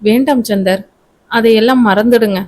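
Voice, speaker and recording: A woman voicing a gentle young wife. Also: a little high, moderate pace, natural voice. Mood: soothing. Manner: soft, reassuring.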